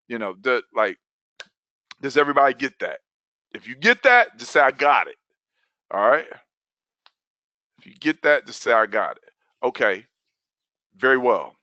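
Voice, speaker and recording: A man's voice: medium pitch, bright, forceful tone, dry recording, highs cut off. A man coaching an online class on video content, talking loosely and repeating key phrases for emphasis. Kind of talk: live online training session.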